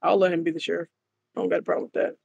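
A man's voice: high voice, flat delivery, racing, vocal fry, darkish tone, breathy edge, no echo, muffled recording. A man in casual voice chat, talking brashly and teasing as the new sheriff of a roleplay server.

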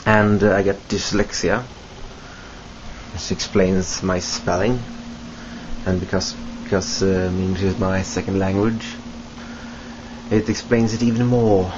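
Speaking into a nearby webcam in a small room at home, a young Swedish vlogger with a Swedish accent introduces himself casually, slow and halting, with lots of ums and restarted sentences. His voice is very deep and flat. The sound is muffled lo-fi webcam audio carrying a clear, steady hiss.

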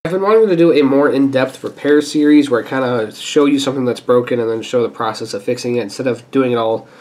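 A fast-talking man with a mid-range voice, stuffy from a sinus infection, hosts a repair channel from an indoor workbench. Working through a hands-on repair, he keeps things casual and talkative, voicing his thoughts as he works.

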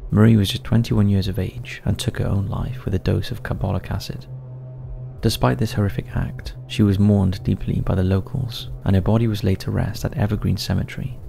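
A man's voice: lowish voice, vocal fry, mellow. A man narrating a scripted countdown of eerie forest stories in a somber storytelling manner.

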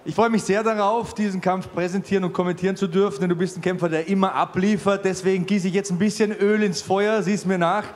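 High-voiced hype-building fight host. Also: male voice, steady tone, fast, hardly any pauses. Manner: fluent, promotional, hype-building. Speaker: host and commentator. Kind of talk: event interview hosting. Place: indoor fight venue beside a cage. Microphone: handheld mic.

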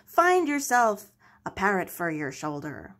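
A woman voicing a gruff, bossy male pirate rabbit captain from a storybook, with blustering commands. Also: medium pitch, sing-song, unhurried, fairly bright tone, heavily acted. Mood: commanding. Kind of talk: storybook character voice.

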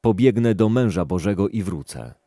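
A man's voice: on the low side, animated, normal speed, mellow, no echo, studio quality. A man reading as an earnest devout woman.

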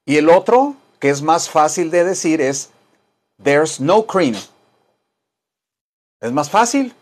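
Man, teacher voice, slightly high, very slow, drills phrases. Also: expressive. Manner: slow, drilling repetition, models English phrases. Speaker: English teacher. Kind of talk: online English lesson.

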